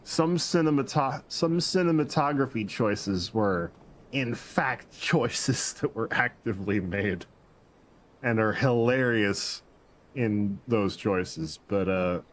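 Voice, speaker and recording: A man's voice: mid-range voice, takes it slowly, a little hiss or hum. A man streaming a game, chatting casually and correcting himself as he rambles. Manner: rambling, self-deprecating, corrects himself mid-sentence.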